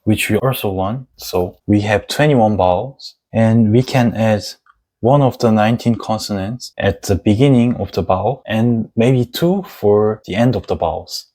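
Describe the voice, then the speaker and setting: A man with Korean as his first language, teaching an online lesson in a slow, deliberate explaining manner, spelling out letter sounds. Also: lowish voice, warm tone.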